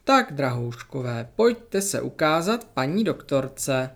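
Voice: medium pitch, pitched below the performer's own voice. Narrator putting on a mischievous little girl. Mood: bossy. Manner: excited, playful, bossy.

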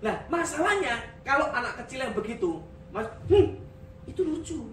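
A male pastor preaching a sermon in a lively, joking way, slipping English phrases into his talk. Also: extremely high pitch, moderate pace. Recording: echoey hall, voice from far off, faint hum.

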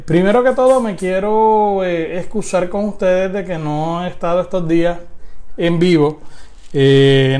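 A man's voice: high-pitched, darkish tone. A man with a Puerto Rican Spanish accent hosting a live stream, talking casually with frequent hesitations.

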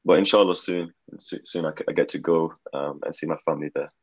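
A young man from Gaza, a student, a podcast guest, talking in a measured way and repeating words. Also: extremely low pitch, steady tone, husky, dry recording, muffled recording. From Gaza, Palestine. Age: young adult. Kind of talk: casual podcast interview.

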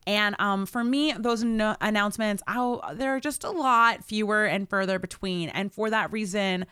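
A woman's voice: medium pitch, normal speed, sharp tone, clear, resonant tone, no echo, clean studio sound. A woman co-hosting a podcast in casual chat, rambling with fillers and frequent laughter. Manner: giggly, rambling with many fillers. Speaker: podcast co-host.

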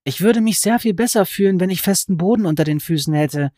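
A wry, breathless young heroine, put on by a male audiobook reader. She asks politely while she hides her nerves. The voice rides higher than his own and is recorded dry and close. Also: a little fast, warm tone, dry recording, natural voice. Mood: pleading.

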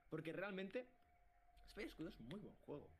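A man from co-hosting a casual podcast, telling stories fast and laughing often. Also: fairly high pitch, a little hiss or hum. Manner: fast, animated, laughing storyteller. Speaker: podcast co-host. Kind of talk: casual chat.

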